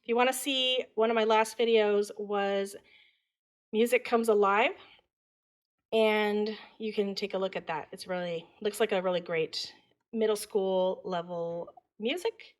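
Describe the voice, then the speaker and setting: Homeschool mom walking around her house, relaxed and chatty, grew up in taiwan. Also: mid-range voice, unhurried. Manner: relaxed, chatty, matter-of-fact. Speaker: homeschooling mother and channel host. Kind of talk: casual home tour vlog. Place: at home, indoors.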